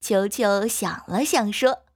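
A woman narrating a children's storybook in a gentle, expressive way. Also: medium pitch, slow pace.

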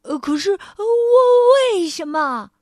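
A woman's voice: very high-pitched, lively intonation, a little slow, no room sound, studio quality, pitched above the performer's own voice. A woman voicing a fat, timid old king who stammers nervously.

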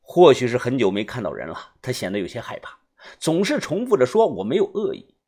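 A man's voice: medium pitch, wildly swooping pitch, a little fast, a little mellow. A man narrating a first-person adventure story in a conversational, dramatic way.

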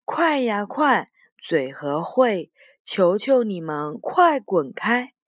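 Woman playing a vain quarrelsome witch, wailing and shrill, quick outbursts, dry close voice, storybook. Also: sing-song, dry recording. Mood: fretful. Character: vain, quarrelsome female witch who wails.

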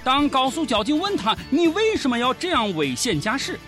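High-pitched sarcastic Shaanxi man. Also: wildly swooping pitch, moderate pace, music in the background. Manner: sarcastic, mocking, colloquial. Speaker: host of a satirical news show. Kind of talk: comic news commentary.

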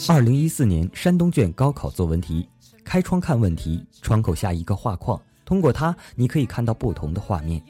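A man hosting a comedy radio show, telling jokes in speech with animated storytelling and acted-out punchlines. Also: lowish voice, fairly quick, faint music behind. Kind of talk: lively comedic joke-telling radio narration.

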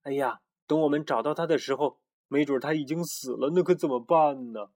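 A man's voice: fairly high pitch, fairly quick, darkish tone, voice pushed up. A man voicing a worried little lamb in a storybook read-aloud, in a raised, fretting voice.

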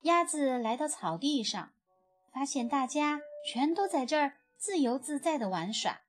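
A woman reading a children's picture book aloud in an expressive storytelling manner. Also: high-pitched, a little slow, soft background music.

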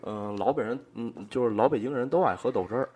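A man's voice: medium pitch, fast talker, darkish tone. A man with a Beijing accent chatting casually on a panel, explaining things colloquially with rolled erhua endings. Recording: music playing behind the voice. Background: music.

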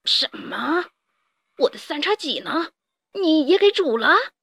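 A woman puts on a bullying old field-mouse boss who brags and threatens, his voice high and jumping all over, recorded close and dry with no room sound. storybook villain. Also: animated, measured pace, fairly bright tone, no room sound, heavily acted. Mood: menacing. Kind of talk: storybook character voice.

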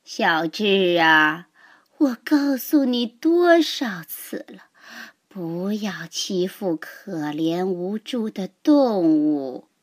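A woman voicing a tiny, frail-looking old woman in a children's story, shrieking in terror and then scolding slowly. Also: fairly low pitch, fairly bright tone, dry recording, clean studio sound. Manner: shrieking in mock terror, slow stern scolding.

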